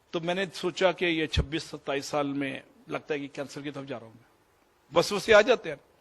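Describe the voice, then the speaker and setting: Pakistani man, fifties, slightly high voice, digressive storyteller mixing in English. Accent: Pakistani Urdu. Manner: anecdotal, digressive, mixes English phrases. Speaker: doctor sharing experiences. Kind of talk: storytelling talk.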